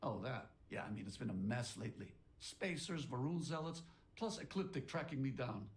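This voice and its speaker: An actor playing a rugged, weary space patrolman in a video game, with a wry, gravelly voice. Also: medium pitch, animated, normal speed. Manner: wry, plain-spoken.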